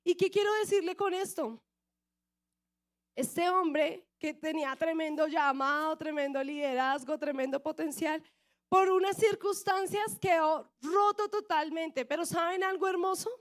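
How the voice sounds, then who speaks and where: A woman's voice: extremely high pitch, a little slow. A young woman with a Colombian Bogotá accent preaching a sermon and telling her own testimony, often asking the audience questions. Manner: lively storyteller, asks the audience questions. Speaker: youth preacher.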